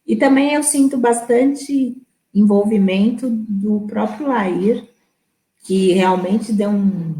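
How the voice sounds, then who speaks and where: A woman's voice: medium pitch, slow, dark tone. A woman, a guest in a live web interview, telling a story and acting out the people she quotes. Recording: roomy echo.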